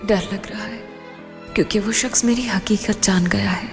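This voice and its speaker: A woman dubbing a young mermaid in a TV drama, speaking softly and frankly, with long reverb and faint music underneath. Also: medium pitch, steady tone, normal speed, lightly acted. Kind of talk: dubbed TV drama.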